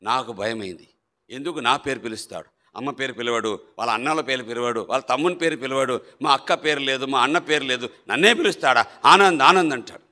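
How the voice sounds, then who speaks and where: A middle-aged man tells his conversion testimony with a bright, forceful voice. He speaks emphatically, his voice swinging from loud bursts down to low, quiet asides. His voice rings with the long echo of a hall. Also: fast talker. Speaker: church member giving his testimony. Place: prayer hall. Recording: echoey hall.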